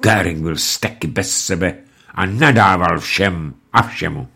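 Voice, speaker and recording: A man giving scripted narration of a diary, reading in a steady storytelling way. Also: deep voice, vocal fry, husky.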